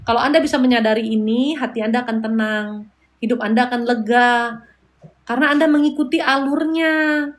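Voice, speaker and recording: A woman with a Balinese accent talks like a live-stream host giving spiritual advice, her voice sitting a little high. She keeps a chatty, casual tone and slips playful asides in between her points on prayer. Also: brisk. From Bali, Indonesia.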